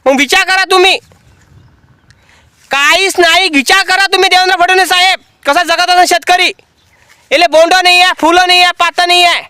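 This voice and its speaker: An angry farmer rails against the government in a very high, piercing voice. His tone is bright and sharp, and the sound is close and dry with no room echo. He speaks outdoors in a cotton field, hammering his points home again and again. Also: fairly even intonation, fairly quick. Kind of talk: impassioned protest speech to camera.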